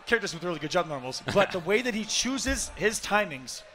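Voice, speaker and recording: High-pitched male fighting game commentator, excitable. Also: fairly quick, slight background noise. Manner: excitable, emphatic calls. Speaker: esports commentator. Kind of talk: live play-by-play commentary of a fighting game tournament. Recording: music behind the commentary.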